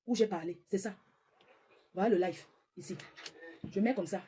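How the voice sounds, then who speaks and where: On a heated live stream, a northern French woman in her 40s scolds her audience confrontationally, hammering the same points again and again. She speaks at a normal pace in a mid-range voice that sounds dark and husky.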